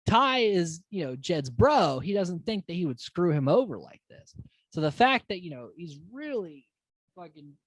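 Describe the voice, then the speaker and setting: Animated, foul-mouthed woman recapping TV. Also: fairly low pitch, normal speed. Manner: profane, animated, mimics houseguests in quoted asides. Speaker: podcast host recapping a reality show. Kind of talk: casual recap commentary.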